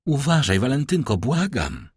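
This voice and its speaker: A man playing a fretful young officer in love, pleading in a low, husky voice. The reading stays dry and close, with lively turns in pitch, like a storybook. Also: moderate pace, dry recording. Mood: worried. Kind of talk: audiobook character reading.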